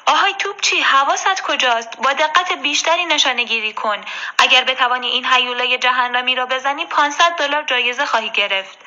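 Woman doing a stern sea captain, barking, high and bright voice, dull lo-fi sound. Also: hardly any pauses. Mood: angry. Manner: barking orders, then grim and low. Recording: dull lo-fi recording.

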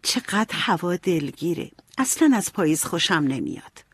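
A woman voicing a gentle young eldest sister in a storybook reading, lifting her voice higher and softer. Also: very animated, slightly rough, dry recording, clean studio sound. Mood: gloomy.

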